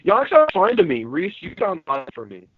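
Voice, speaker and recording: A man co-hosting a casual gaming podcast, insisting on his points in quick bursts, his voice muffled and underwater-sounding through a bluetooth headset mic. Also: high voice, huge pitch swings, dry recording. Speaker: podcast co-host. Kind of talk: casual gaming chat among friends. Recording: dull lo-fi phone headset sound.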